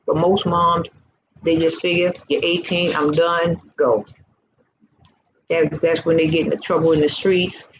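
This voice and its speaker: A faith vlogger in her early sixties delivers fervent, repetitive encouragement in a preacher-like, informal style. Her low voice moves little in pitch and runs a little slow. The lo-fi recording carries a noisy background hiss.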